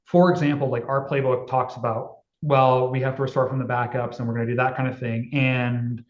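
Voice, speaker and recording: A man's voice: mid-range voice, level tone, a little fast. A man on a webinar panel, candidly explaining his city's response, often restarting and searching for words over a video call. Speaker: municipal IT panelist. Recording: echoey, dull video call audio.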